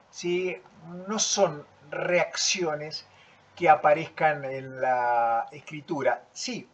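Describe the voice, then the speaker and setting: A man, teaching a lecture in a slow, deliberate manner and often checking in with "¿sí?". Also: medium pitch, slight background noise. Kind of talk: lecture reviewing student work. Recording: dull lo-fi recording.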